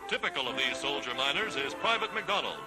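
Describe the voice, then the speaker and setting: A man's voice: mid-range voice, very animated, fairly quick. A man narrating a 1940s newsreel in a dramatic, declamatory, scripted style. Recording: vintage 1940s newsreel soundtrack, loud music. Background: loud music.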